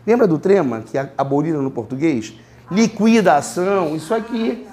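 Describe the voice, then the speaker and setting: Male language teacher from Brazil, high voice, classroom lecture, drills pronunciation by repetition. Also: lively intonation, dark tone. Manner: explains slowly, repeats words, asks students to repeat. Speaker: Spanish teacher.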